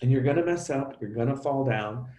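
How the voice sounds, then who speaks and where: A middle-aged man talking openly as an interview guest, animated and halting, often restarting and acting out sounds. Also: medium pitch, echoey room. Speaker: actor and coach, interview guest. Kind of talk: emotional conversational interview.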